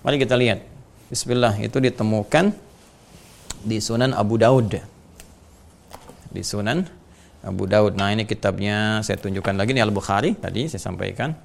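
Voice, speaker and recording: A man's voice: fairly low pitch, moderate pace, vocal fry, pauses often, a little hiss or hum. A man, a religious teacher giving a casual Islamic study lesson, explaining plainly and praying with feeling in between. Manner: casual explaining with lively prayer passages.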